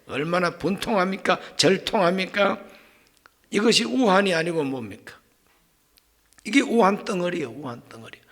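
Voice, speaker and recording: A male pastor preaching a sermon, swinging from hushed whispers to loud exclamations and firing rhetorical questions at the congregation. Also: sits high.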